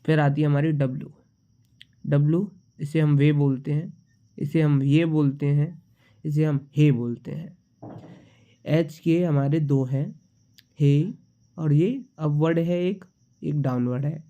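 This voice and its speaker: A man's voice: on the high side, steady tone, a little slow, pauses often, warm tone. Man with a cold teaching shorthand, dull sound. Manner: patient, repeats each symbol while writing. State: has a slight cold. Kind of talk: casual tutorial explanation.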